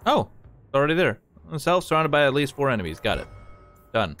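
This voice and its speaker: A man's voice: mid-range voice, very animated, brisk, a bit bright. Guy chatting thru a let's play, bouncy voice, some game music in the back. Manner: chatty, amused, reacts aloud. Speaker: gaming let's-play host. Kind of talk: casual game commentary.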